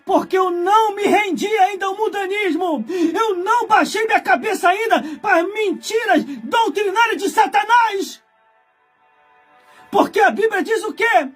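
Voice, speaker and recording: This man in his forties, a preacher from Brazil, thunders through his sermon with scolding shouts and constant repetition. His pitch is extremely high and he talks a little slowly over soft background music.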